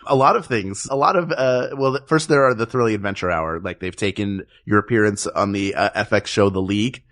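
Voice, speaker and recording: A man's voice: fairly low pitch, a little fast, a bit bright. A man co-hosting a comedy podcast, talking casually with a joking, rambling manner and plenty of fillers. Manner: rambling, jokey, many fillers. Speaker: podcast co-host. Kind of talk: casual chat.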